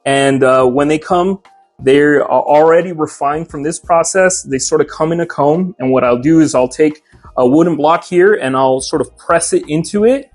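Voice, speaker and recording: A man's voice: fairly high pitch, moderate pace, faint music behind. Easygoing man explaining his craft. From Mexico. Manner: relaxed, many "uh" fillers, explains his craft step by step. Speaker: hat maker and shop owner. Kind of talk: casual interview.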